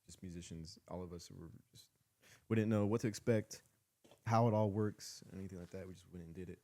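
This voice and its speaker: A man in his twenties, a band member guest in a casual interview, soft-spoken and quiet. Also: low voice, steady tone, brisk. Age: 20s.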